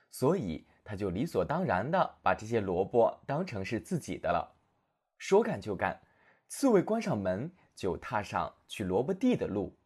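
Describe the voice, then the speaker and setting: A man narrating a fairy tale for children as the show's storyteller, in a husky voice with a swooping, animated delivery. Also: medium pitch.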